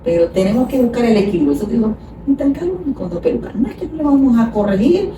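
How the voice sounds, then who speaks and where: A woman's voice: fairly high pitch, animated, fast talker. A woman, a psychologist, patiently explaining child behavior in conversation and acting out parents' scolding. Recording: echoey room, far from mic, noisy.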